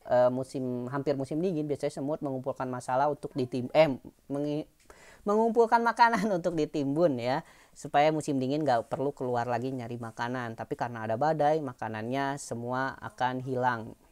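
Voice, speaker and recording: A woman's voice: low-pitched, darkish tone. A woman teacher giving an online lesson, explaining patiently in a chatty way with fillers and tag questions.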